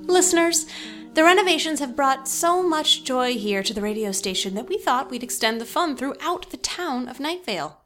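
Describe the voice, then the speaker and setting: An actress playing a smooth, sinister corporate woman hosting a radio show in an audio drama, coolly persuasive, with faint music behind her. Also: high-pitched, animated, moderate pace, a bit bright. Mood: silky menace.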